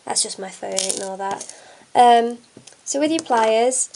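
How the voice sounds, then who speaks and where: She's a young woman nursing a cold and blocked nose, chattily walking through a hands-on craft at an indoor table with lots of ums, her hands on camera. The voice is fairly high, a little slow and gravelly, with a crowd audible behind her and poor audio quality.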